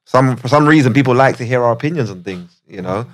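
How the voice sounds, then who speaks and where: A man's voice: mid-range voice, fast talker, crowd noise. A man hosting a podcast, chatting casually and joking with his guests. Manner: relaxed, joking, welcoming. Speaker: podcast host. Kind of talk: casual chat.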